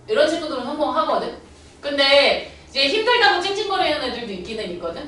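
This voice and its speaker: A woman cram-school tutor lectures her class, telling blunt, lively stories and sometimes acting out loud scolding. Her voice is high. It rings through an echoey classroom, heard from some distance away. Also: a little hiss or hum. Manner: blunt, animated storytelling, acts out loud scolding.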